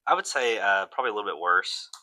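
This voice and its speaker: A man's voice: fairly low pitch, lively intonation, quick pace, pushed and bright. A man co-hosting a podcast, chatting casually in a playful, rambling, jokey way. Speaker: podcast co-host. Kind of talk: casual comedic chat.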